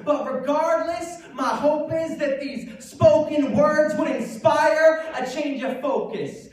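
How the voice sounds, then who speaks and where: Young man performing spoken word. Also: extremely high pitch. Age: young adult. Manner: rhythmic, rhyming delivery with urgent emphasis. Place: large theater stage. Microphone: stand mic, filmed from far back. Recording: echoey hall from far off.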